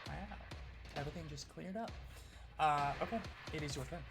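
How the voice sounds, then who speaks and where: Gravelly-voiced man running a tabletop game. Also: on the high side. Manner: brisk, matter-of-fact rulings. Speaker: game master. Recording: music playing behind. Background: background music.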